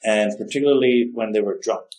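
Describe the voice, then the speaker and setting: A man's voice: fairly low pitch, a little fast, darkish tone, poor audio. A man casually narrating a digital coloring tutorial, rambling and correcting himself, often unsure how to pronounce names. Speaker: art tutorial host.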